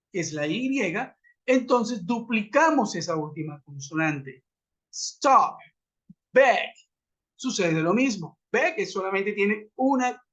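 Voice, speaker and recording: Slow, patient man teaching. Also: high-pitched, fairly bright tone. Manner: patient, repeats and spells out examples. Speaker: English teacher. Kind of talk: webinar grammar lesson. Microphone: computer mic on a web call. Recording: dull lo-fi web conference audio.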